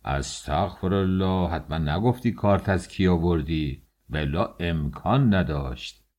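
A man voicing a middle-aged male office chief in an audiobook, speaking in a soft, soothing, patronizing way. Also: low voice. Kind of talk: audiobook character voice.

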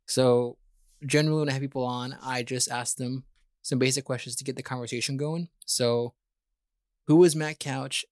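A man's voice: medium pitch, steady tone, normal speed, darkish tone, dry recording, studio quality. A man hosting a podcast, asking questions in an upbeat, enthusiastic way. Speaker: podcast host. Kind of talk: casual interview hosting.

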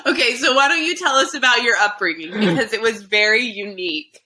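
A young woman from South Florida hosts a casual podcast with a bright, crisp voice set a little high. She talks in a playful, teasing way, keeping the chat light and loose. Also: a little fast, slight background noise, rough recording. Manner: playful, teasing, laughs often. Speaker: podcast host.

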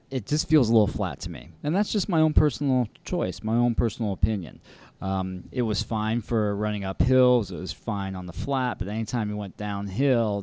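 A man with a fairly low, mellow voice co-hosts a podcast, talking casually and frankly about trail running shoes and laughing easily.

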